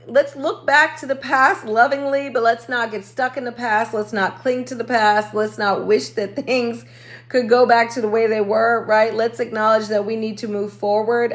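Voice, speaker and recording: A woman from the United States giving a casual horoscope reading as a channel host. She talks in a chatty way with quick joking asides, and her voice is cracking. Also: mid-range voice.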